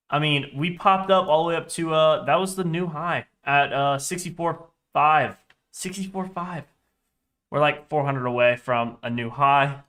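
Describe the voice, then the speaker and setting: Reading chat aloud on a live trading stream, a young man rambles and keeps correcting himself. His voice is a little high, bright and forceful, though congested and stuffy.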